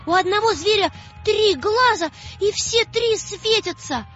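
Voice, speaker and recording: A woman's voice: a bit bright, exaggerated voice. A woman voicing a frightened little girl who cries and pleads in rhyming lines. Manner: high, crying, rhyming pleas. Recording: dull lo-fi sound with faint music.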